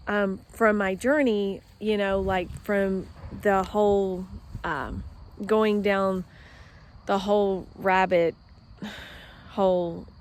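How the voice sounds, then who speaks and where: A woman talking casually to her viewers while out of doors, rambling with many fillers and restarts. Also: mid-range voice. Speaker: vlogger. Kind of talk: casual outdoor vlog talk. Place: outdoors with trees and her dogs.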